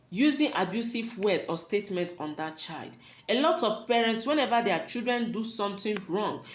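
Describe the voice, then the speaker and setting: A woman giving parenting advice, earnest and preachy, asking rhetorical questions and repeating her warnings. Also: medium pitch. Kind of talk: advice talk to camera. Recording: roomy echo.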